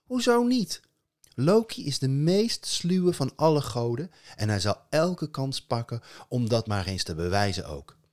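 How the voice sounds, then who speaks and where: A man's voice: medium pitch, big pitch swings, measured pace, a little mellow, voice pushed up. A man voicing a clever, outspoken young farm girl. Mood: insistent.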